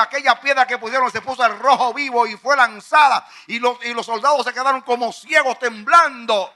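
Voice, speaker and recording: A male pastor preaching a sermon, emphatic, repeating phrases and swinging from hushed to loud. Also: very high voice.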